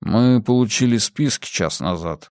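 A male audiobook narrator voicing a cautious police colleague who speaks hesitantly and slowly. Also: mid-range voice, darkish tone, no room sound, clean studio sound, close to an everyday voice.

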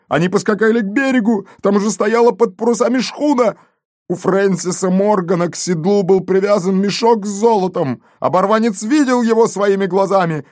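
A man voicing an excitable, wounded male gendarme who boasts and shouts in a storybook reading. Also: on the high side, no echo, clean studio sound, pitched above the performer's own voice, lightly acted.

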